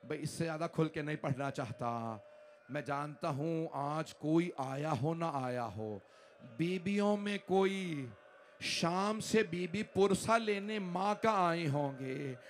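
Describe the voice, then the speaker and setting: A man preaches a mourning sermon before a large outdoor crowd, his fairly high voice dropping to a hush and then rising into loud, wailing lament. He speaks through a stage microphone, with a faint ambient hum behind him. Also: expressive, slow. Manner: impassioned, swinging from hushed to loud lamenting. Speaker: Shia cleric delivering a majlis.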